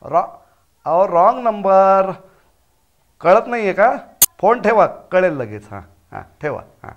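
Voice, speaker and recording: An actor playing a fussy, easily confused middle-aged husband in a comic sketch, talking in a flustered, exasperated and loud way. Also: male voice, high voice, expressive, slow, lo-fi sound, soft background music, exaggerated voice. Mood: irritated. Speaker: householder.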